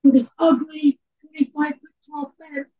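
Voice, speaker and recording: A woman's voice: high-pitched, flat delivery, moderate pace. A woman giving a public comment over a video call, her voice weak and strained, not yet recovered. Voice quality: strained, faint. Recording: dull lo-fi call audio.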